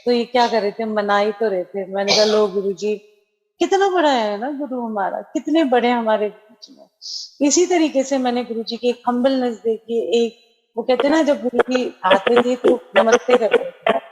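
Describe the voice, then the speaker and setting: Speaking over a remote call, a middle-aged woman chattily recounts her own devotional story as a testimony, mixing in bits of English. She has a fairly high, slightly mellow voice and speaks at a moderate pace.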